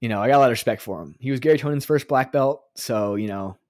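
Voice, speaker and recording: A man talks through his podcast, heartfelt and emotional one moment and teasing the next. His voice sits in a middle pitch and is recorded close and dry, with no room sound around it. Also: quick pace, a little mellow, dry recording. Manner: earnest and emotional, with joking sarcasm. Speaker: podcast host. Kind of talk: casual monologue.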